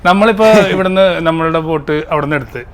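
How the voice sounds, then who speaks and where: High-voiced, slangy Malayali man vlogging. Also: fast, fairly bright tone. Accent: Kerala Malayali. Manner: slangy, exclamatory, addresses viewers as team. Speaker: vlog host. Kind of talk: casual vlog chat. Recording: faint engine and outdoor noise.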